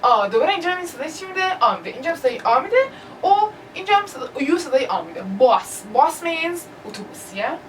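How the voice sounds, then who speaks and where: High-voiced woman teaching English. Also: big pitch swings, far from the mic, a little hiss or hum, poor audio. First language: Persian. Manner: drills words slowly, explains in Persian. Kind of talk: classroom-style vowel lesson.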